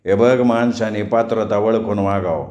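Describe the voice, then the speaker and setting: A man's voice: fairly low pitch, steady tone, moderate pace, darkish tone, muffled recording, close to an everyday voice. A harsh village landlord in a storybook, voiced by a man, commanding and threatening. His orders echo in a roomy space. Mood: menacing. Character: domineering rich older landlord, harsh tempered.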